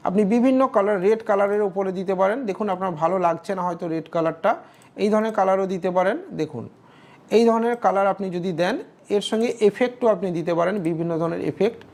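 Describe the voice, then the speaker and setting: The narrator is a woman with a medium-pitched, darkish voice, guiding a screen tutorial she made one step at a time. Her tone is instructive, and she frequently asks the viewer "okay?"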